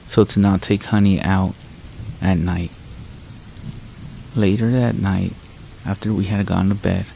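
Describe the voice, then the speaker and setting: Deep gravelly man narrating horror. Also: mellow, slight background noise, poor audio. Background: rain sounds.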